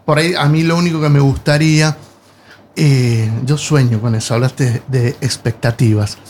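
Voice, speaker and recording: A man's voice: mid-range voice, fairly even intonation, moderate pace, darkish tone, slight background noise. A man, talking in a casual panel chat, hesitant and musing with many fillers. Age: 60s.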